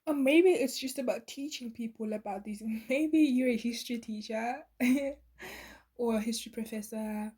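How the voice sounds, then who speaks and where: A woman's voice: on the high side, unhurried, dark tone, slightly rough. A woman giving a channeled tarot reading to her viewers, earnest and meandering, with many fillers and restarts. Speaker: tarot reader.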